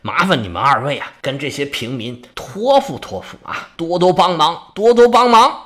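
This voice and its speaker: An anxious old Roman senator, put on by a male storyteller, coaxes and frets. His voice is bright and animated. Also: fairly high pitch, normal speed. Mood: coaxing. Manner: coaxing, fretful.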